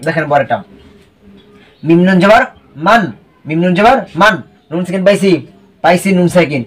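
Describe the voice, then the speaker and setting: Man, high-pitched voice, recitation teacher, question-and-answer drilling, repeats words. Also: lively intonation, moderate pace. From Bangladesh. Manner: asks questions and answers them himself, spells out letters, repeats. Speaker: Quran reading teacher. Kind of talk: online recitation lesson.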